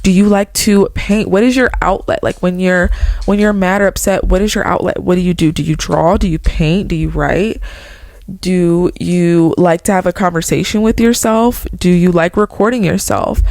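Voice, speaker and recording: A woman's voice: lowish voice, steady tone, normal speed, vocal fry, darkish tone, no room sound. Earnest young woman vlogging, dry close sound. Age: 20s. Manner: earnest, rambling, heavy on "like" and "okay". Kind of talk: casual motivational chat.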